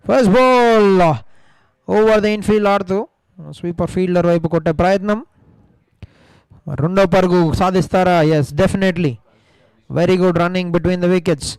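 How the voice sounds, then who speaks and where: A man with an Indian accent giving excited, emphatic live cricket commentary. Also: high-pitched, slow, pauses often, smooth, dry recording, poor audio. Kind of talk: live cricket commentary mixing Telugu and English.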